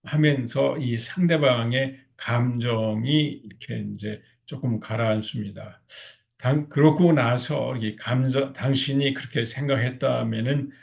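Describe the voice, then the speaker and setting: A man's voice: mid-range voice, measured pace, vocal fry, highs cut off. A man lecturing on couples communication, often acting out spouses' lines and filling his talk with small fillers. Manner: acts out spouses' lines in quotes; frequent filler words.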